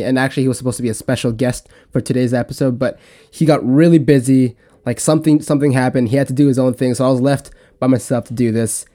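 A young man hosting a casual podcast on his own, talking in a relaxed, rambling way with frequent restarts. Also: medium pitch. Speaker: podcast host. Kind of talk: casual solo podcast talk.

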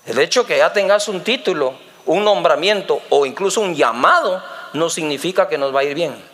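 A male pastor preaching a sermon, lively and teasing, acting out little dialogues. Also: fairly high pitch, moderate pace.

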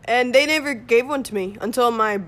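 Halting teen girl podcast guest. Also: fairly high pitch, a bit bright. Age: teens. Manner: halting, self-correcting. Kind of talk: casual chat.

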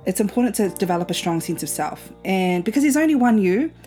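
A woman's voice: mid-range voice, animated, fast talker, warm tone, faint music behind. A woman of about twenty-nine, chatting informally as the host of a solo podcast recorded at home. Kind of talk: casual solo podcast talk.

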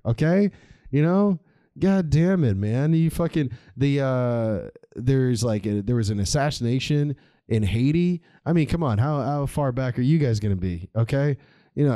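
A man's voice: medium pitch, mellow, dry recording, clean studio sound. A man hosting a podcast, delivering a casual, comedic monologue in a rambling, slangy, sweary way. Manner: informal, slangy, heavy swearing. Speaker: podcast host.

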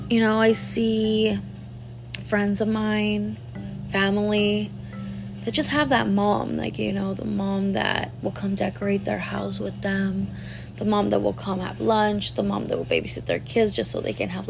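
A woman's voice: mid-range voice, creaky. A woman in her thirties telling a personal story to camera, candid and rambling, full of "like" fillers and talking straight to her viewers. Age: 30s. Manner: addresses viewers directly. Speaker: vlogger.

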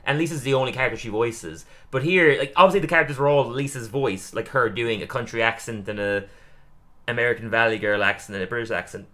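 A young man with a bright, forward tone co-hosts a casual podcast recap. He is animated and laughs often, slipping into the characters' lines as he retells each scene. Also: mid-range voice, fast talker. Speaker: podcast co-host.

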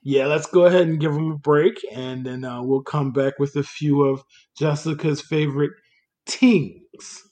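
A man's voice: on the high side, fairly even intonation, moderate pace, hardly any pauses, a little mellow. A man co-hosting a podcast in casual chat, laid-back and laughing often, trailing off with fillers. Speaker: podcast co-host.

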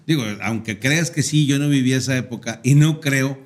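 A middle-aged man with a northern Mexican accent hosts a casual podcast chat. His voice sits at an everyday pitch, and he talks crude and slangy, always joking and laughing at his own stories. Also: normal speed. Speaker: podcast host.

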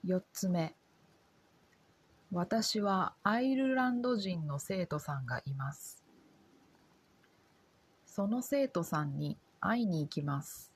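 A woman from Japan teaching Japanese in a slow, measured way, with simple sentences spaced out for learners. Her voice sits a little low and has a soft, breathy edge. She talks unhurried and deliberate, like a scripted lesson. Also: animated.

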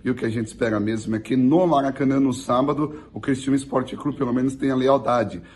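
Hoarse, gravelly man reporting sports. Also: mid-range voice, steady tone, brisk, a little mellow, slight background noise. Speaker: sports streamer giving team news. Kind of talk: informal sports news report.

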